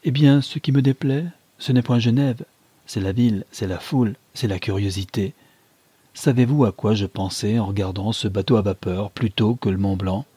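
A man's voice: on the low side, normal speed, dark tone, slightly rough, no room sound. A man reading an audiobook, voicing a young newlywed woman who longs to be alone, in an earnest, pleading way. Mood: wistful pleading. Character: young newlywed woman, impulsive, craving solitude.

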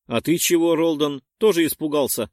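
A man's voice: a little high, brisk, a little mellow, dry recording, studio quality, voice pushed up, lightly acted. A man voicing a cheeky young man who teases and taunts. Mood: mocking. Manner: taunting, raised voice.

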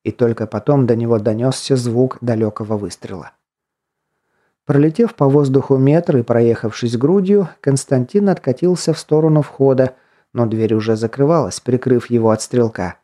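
Man, audiobook narrator, steady measured reading, warm mellow voice, middle pitch. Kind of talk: scripted narration.

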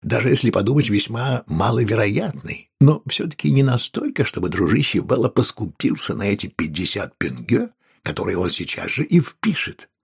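A man reading an audiobook, voicing a calm, scheming innkeeper who speaks low and insistently with a raspy voice. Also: moderate pace, heavily acted. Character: calm, scheming middle-aged male innkeeper. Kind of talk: audiobook character voice.

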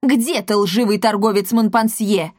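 A woman voicing an angry, greedy male cattle trader who shouts and blusters. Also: a little high, animated, normal speed, no echo, clean studio sound, voice pushed up, lightly acted. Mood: furious.

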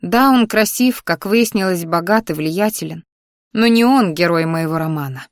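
A woman reading a romantic fantasy audiobook in the first person, at an even, measured pace. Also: fairly low pitch, no room sound, clean studio sound. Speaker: audiobook narrator.

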